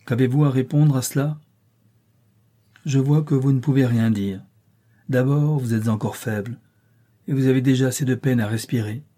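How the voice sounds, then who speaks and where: A man reading aloud and voicing a passionate, tormented middle-aged gentleman, in an impassioned, pleading manner. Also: medium pitch, lightly acted.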